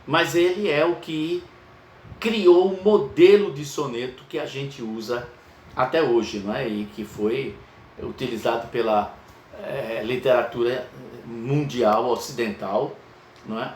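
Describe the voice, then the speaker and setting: A male teacher, giving a recorded lecture in an unhurried way, stretching key words and often asking "não é?". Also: medium pitch. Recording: echoey room with faint ambient noise.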